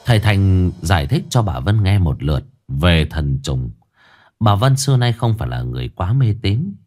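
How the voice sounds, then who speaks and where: Low-voiced male horror storyteller. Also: big pitch swings, moderate pace, a little mellow. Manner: dramatic, dwelling on gruesome detail. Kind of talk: scripted horror story narration.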